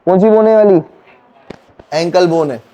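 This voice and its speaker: High-voiced teacher quizzing his class. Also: unhurried, warm tone. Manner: quizzing students, counting bones aloud. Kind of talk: classroom lecture with call-and-response questions.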